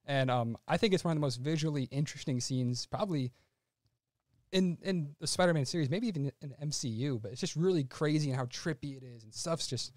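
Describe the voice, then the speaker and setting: Male podcast panelist, slightly higher voice, dry sound, loose slangy talk. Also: fairly quick, darkish tone, no room sound. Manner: loose slangy description with many fillers. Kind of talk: casual movie podcast chat.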